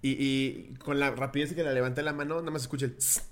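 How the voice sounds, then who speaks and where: A young man with a Mexican accent, co-hosting a podcast and telling a slangy, animated anecdote. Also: medium pitch, quick pace. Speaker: podcast co-host. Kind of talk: casual chat, telling anecdotes.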